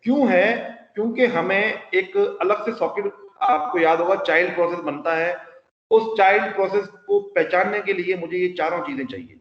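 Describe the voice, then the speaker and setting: High-voiced male lecturer in an echoey hall. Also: normal speed. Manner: explains step by step with rhetorical questions; mixes English technical terms into his speech. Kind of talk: classroom lecture. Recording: roomy hall sound, dull lo-fi audio.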